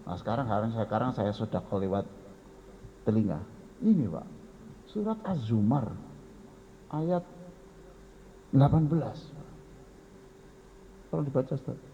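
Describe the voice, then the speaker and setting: A man's voice: fairly low pitch, lively intonation, moderate pace, long pauses, highs cut off, slight background noise. A man with a Javanese accent preaching a folksy sermon and speaking directly to his listeners. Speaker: Islamic preacher.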